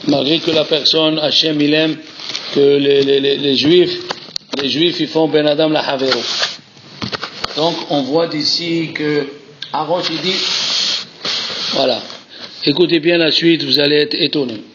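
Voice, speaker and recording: A man teaches a Torah class in an animated, insistent way, circling back to repeat his key phrases. His voice sits a bit high. The recording is muffled and lo-fi. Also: a little slow, long pauses, noisy background. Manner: animated, repeats key phrases, mixes Hebrew terms into French. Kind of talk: Torah lesson.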